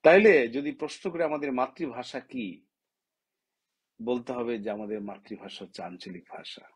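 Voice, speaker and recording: A man's voice: mid-range voice, moderate pace, a little hiss or hum. A man from Bangladesh, a writer, giving a direct-to-camera opinion talk full of impassioned rhetorical questions.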